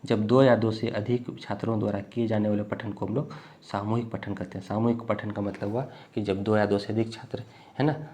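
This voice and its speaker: A man from the teaches an exam-prep lecture while unwell. He explains slowly and repeats himself, often checking in with "thik hai". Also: on the low side, fairly even intonation, warm tone, a little hiss or hum. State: unwell, coughing.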